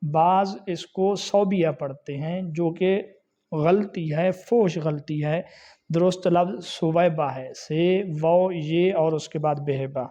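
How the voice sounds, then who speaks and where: A man's voice: high voice, mellow, highs cut off. A man lecturing on Islamic studies, methodically correcting pronunciations and spelling out vowel marks in an online lesson.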